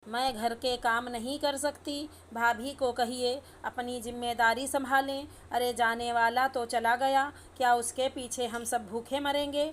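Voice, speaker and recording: A woman's voice: fairly high pitch, fairly even intonation, a little slow, hardly any pauses, slight background noise, natural voice. A woman voicing a rude, selfish young daughter-in-law who talks in a scolding, dismissive way. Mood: scornful.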